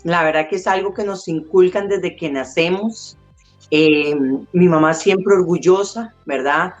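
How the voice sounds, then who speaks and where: A woman's voice: fairly low pitch, unhurried, soft background music. Proud woman, lo-fi call. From United States, Costa Rican parents. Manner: warm, proud, chatty with many fillers. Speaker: guest. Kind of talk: casual interview conversation. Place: her home.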